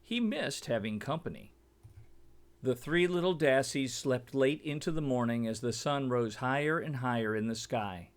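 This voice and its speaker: A storybook reader, a man with a medium-pitched voice, reads a children's story aloud in an expressive, deliberate storytelling style.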